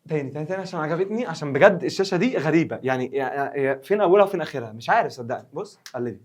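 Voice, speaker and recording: Fast, joking Egyptian science teacher. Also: male voice, on the high side, animated. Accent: Egyptian Arabic. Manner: playful, joking, quizzes the viewer with quick questions; slows down when reading English text. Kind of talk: recorded revision lesson.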